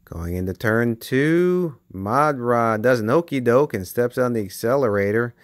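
A man giving play-by-play commentary on toy car races as the channel host, with bursts of excitement at close finishes. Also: medium pitch, unhurried, no room sound. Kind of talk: race commentary. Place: basement with toy race track.

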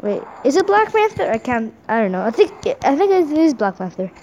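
A woman giving excitable, giggly let's play commentary, talking to herself as she plays. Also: high-pitched, brisk, lo-fi sound, a little hiss or hum. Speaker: gameplay host.

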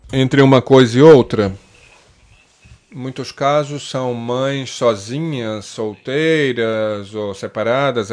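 Slow, smooth-voiced male interpreter. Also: mid-range voice. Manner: measured, with frequent hesitation fillers and restarts.

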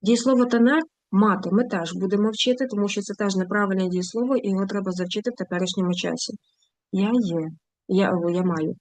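A woman's voice: mid-range voice, fairly even intonation, quick pace, darkish tone, dry recording, poor audio. A middle-aged woman teaching an online grammar lesson, explaining patiently step by step and checking that learners follow. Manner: patient, explains step by step, often asks "бачите?". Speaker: language teacher.

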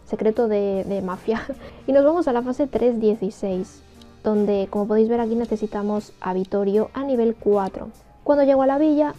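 A woman with a Spain Spanish accent casually retelling a story game, with sarcastic asides. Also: on the high side. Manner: chatty, sarcastic asides and quoted voices. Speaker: gameplay narrator. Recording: slightly muffled audio with faint background music.

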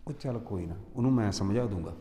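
A man's voice: fairly low pitch, fast, mellow, reverberant, big-room sound, close to an everyday voice. An actor playing a young husband and son who keeps coaxing and soothing his angry wife. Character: young husband, placating, caught between wife and mother.

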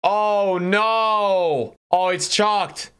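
A man's voice: high voice, drawn-out words, fairly bright tone, smooth. A young man, chatting casually on a game livestream in frat-bro slang, full of bro, dude and man. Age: young adult. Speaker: game streamer. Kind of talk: casual livestream chat while opening game packs. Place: small room indoors.

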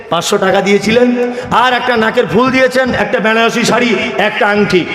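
A man from India delivers a sermon in a high voice, pressing his listeners with rhetorical questions and calling for their answers. His words ring out in a large, echoey hall with a long reverb tail. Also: a bit bright. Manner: calls for crowd answers. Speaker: preacher.

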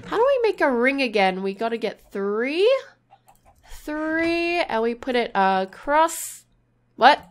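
A gaming channel host chats bubbly and casually through her gameplay in a high-pitched voice. Sniffly with a cold, she drops many ums and little gasps.

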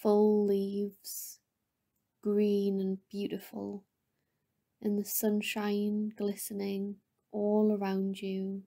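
A woman at medium pitch leads a guided meditation in a monotone. She keeps her voice soft and breathy, close to a whisper much of the time, and her soothing manner leaves drawn-out pauses between phrases.

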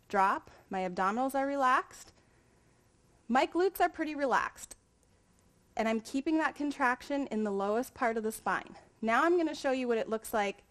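A woman teaching a dance class, calmly coaching and counting out movements. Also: on the high side. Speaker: dance instructor. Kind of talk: instructional dance lesson with counting.

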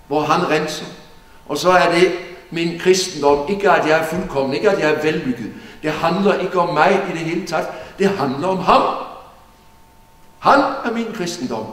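A man's voice: on the high side, fairly bright tone. A man preaching an earnest, emphatic Bible-teaching sermon in a church hall. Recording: echoey church hall from far off.

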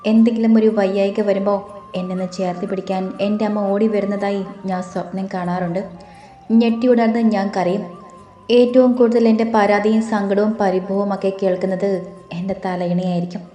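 A woman reading the lines of a tender, tearful young wife in a romantic audiobook, in a soft, hushed way. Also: mid-range voice, fairly even intonation, fairly quick, natural voice. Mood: pleading. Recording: roomy with faint music.

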